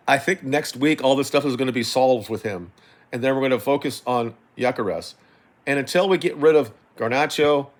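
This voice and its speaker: A middle-aged man giving an unscripted football opinion rant as a fan, rambling and halting, exasperated, doubling back on himself and swearing. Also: medium pitch.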